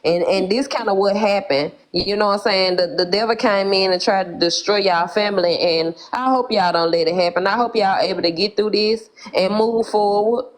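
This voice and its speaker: A woman with a Memphis Southern accent, speaking emphatically on a live stream. She talks in a preachy, advice-giving way at a middling pitch, laughing between points. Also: moderate pace, hardly any pauses. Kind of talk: casual live chat.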